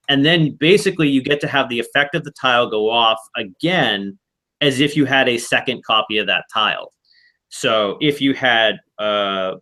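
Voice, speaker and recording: Bright-voiced man explaining a board game. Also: medium pitch. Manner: rambling, explanatory, frequent restarts. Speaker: board game club host. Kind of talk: casual online game discussion.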